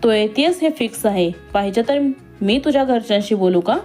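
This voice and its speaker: A woman's voice: medium pitch, expressive, fairly quick, a little mellow, soft background music, close to an everyday voice. A woman voicing an outspoken, teasing young woman who has just qualified as a doctor, in a read-aloud story. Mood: lively. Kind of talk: storybook reading.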